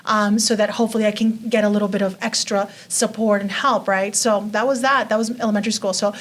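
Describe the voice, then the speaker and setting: Speaking quickly in a mid-range voice with fairly even intonation, this Mexican woman in her forties recounts her life as an interview guest. Her style is relaxed and talkative, peppered with "like" and "you know."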